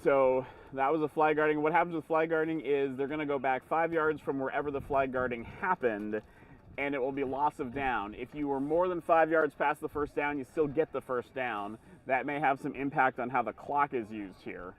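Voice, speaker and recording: A man's voice: mid-range voice, normal speed, far from the mic, narrow, tinny audio. A man giving explanatory live sports commentary in long, running sentences. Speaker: color commentator.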